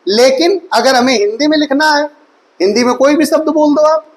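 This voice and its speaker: She is a woman with a high voice as a Hindi teacher running an online class for exam students. She sounds out each vowel for the class to repeat and keeps asking them rhetorical questions. She calls her students 'beta'. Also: normal speed, rough recording. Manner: drills pronunciation aloud, asks students rhetorical questions; addresses students affectionately as 'beta'. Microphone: recorded for mobile viewers.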